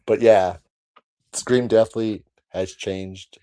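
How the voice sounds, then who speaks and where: A man's voice: sits low, fairly quick, dark tone, dry recording. A man hosting a casual horror podcast chat, laughing often and trailing off with "so". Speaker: channel host.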